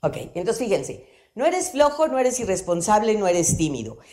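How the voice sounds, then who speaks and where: Lively woman psychologist. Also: medium pitch, moderate pace. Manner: animated, laughs often, playful examples. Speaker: psychology guest on radio show. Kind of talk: conversational radio talk. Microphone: studio microphone.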